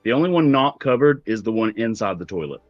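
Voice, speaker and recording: A man's voice: fairly low pitch, big pitch swings, quick pace, no room sound, dull audio. A man running a tabletop role-playing game as game master, narrating in a casual, conversational way. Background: music.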